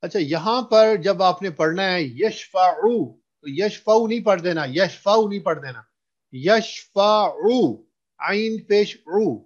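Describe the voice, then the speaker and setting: A man teaching a recitation class, explaining in Hindustani mixed with English and slowly chanting drawn-out verses for students to repeat. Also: sits high, dull audio. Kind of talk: online recitation lesson.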